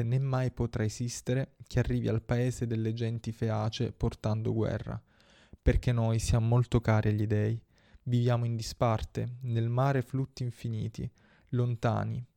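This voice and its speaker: A man's voice: mid-range voice, gravelly, warm tone. A man reading as a gracious young princess. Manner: solemn, measured recitation.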